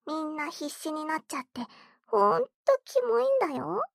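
A woman's voice: sits high, lively intonation, normal speed, creaky, no room sound, studio quality, exaggerated voice. A woman voicing a bratty, teasing young stepsister girl in a whispered role-play, taunting and giggly as she coaxes.

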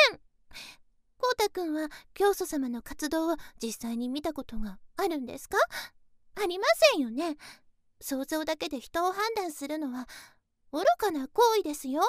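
A woman plays a sheltered, innocent young lady in a one-sided voice drama, her voice pitched extremely high and sweet. She speaks in very polite, airy formal speech, trusting and naive. The sound is close and completely dry, with no room around it. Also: no room sound. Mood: indignant.

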